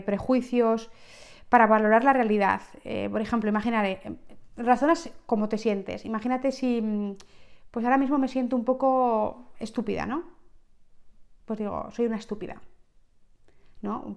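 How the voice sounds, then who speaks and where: A woman's voice: fairly high pitch, a little mellow. A woman with a Spanish accent giving an unscripted self-help monologue as a podcast host, often checking in with "right?" and restarting words. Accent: Spain.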